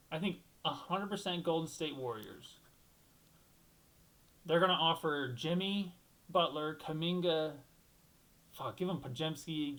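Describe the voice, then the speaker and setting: A man's voice: a little high, fairly bright tone, low-quality recording. A young man hosting a solo basketball talk show, rambling and thinking aloud, restarting sentences and swearing casually.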